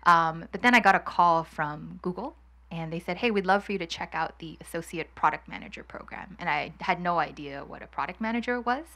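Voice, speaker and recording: A woman from Hong Kong, in her thirties, speaks candidly and laughs easily as a guest on stage. Her voice sits a little low yet sounds bright and forward. She holds a handheld mic at an outdoor courtyard event. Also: lively intonation. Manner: candid, quick laughs, chatty. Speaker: guest investor. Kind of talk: fireside chat on stage.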